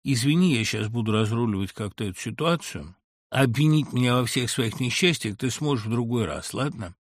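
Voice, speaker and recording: A man reading an audiobook, voicing a tired grown son who answers flatly and dismissively. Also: medium pitch, fairly quick, no echo, studio quality, lightly acted. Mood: weary. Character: weary grown son, screenwriter, curt and tired.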